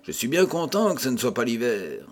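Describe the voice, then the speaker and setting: A man's voice: medium pitch, very animated, fairly quick. A man reading an audiobook who voices a shy, lovestruck young suitor, earnest and pleading.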